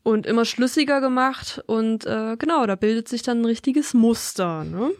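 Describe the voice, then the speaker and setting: A woman chatting casually as a film reviewer, summarizing the story in a relaxed way with frequent hesitation sounds. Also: a little high, moderate pace, dry recording, clean studio sound.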